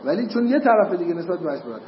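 High-voiced man lecturing in an echoey hall. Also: sing-song, a little hiss or hum. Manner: explanatory, checks understanding with "got it?". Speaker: seminary teacher. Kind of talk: lecturing on Islamic jurisprudence. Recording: echoey hall, muffled lo-fi sound.

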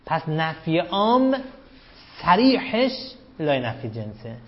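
A man teaching a grammar class. He reads quoted lines slowly and loudly, questions the students and calls them "sir" and "dear". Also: a little high, big pitch swings, lo-fi sound. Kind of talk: classroom lesson, reading a text aloud and explaining it.

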